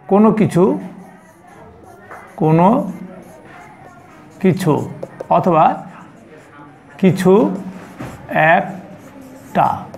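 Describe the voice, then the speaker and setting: A male school teacher giving an online English lesson to young children, explaining word meanings step by step and repeating each answer slowly. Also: sits high, a little mellow.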